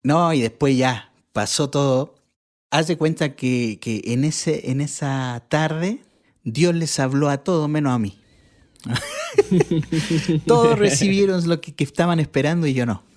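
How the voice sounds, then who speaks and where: A man's voice: fairly high pitch, lively intonation, unhurried, darkish tone. A man from Chile, a podcast guest, telling a personal testimony in casual conversation, earnest and reflective, often restarting his sentences.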